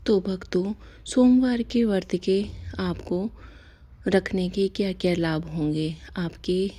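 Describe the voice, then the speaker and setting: A woman hosting a devotional channel, explaining fasting rituals softly and slowly, her lines often trailing off into a whisper. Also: on the low side, steady tone. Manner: slow, soft-spoken, lapses into whispery line endings.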